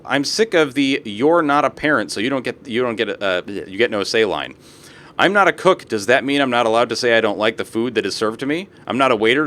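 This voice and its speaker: Mid-range and a bit bright, this young man's voice comes through a live stream as he reads posts aloud. He rants about them with plenty of profanity and adds his own asides.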